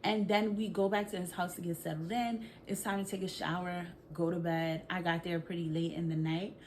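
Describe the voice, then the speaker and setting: A woman's voice: lowish voice, a little fast, a little hiss or hum. Chatty Brooklyn woman telling a story. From Brooklyn, New York. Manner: animated, chatty, slangy, addresses viewers. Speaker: vlogger. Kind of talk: storytime vlog.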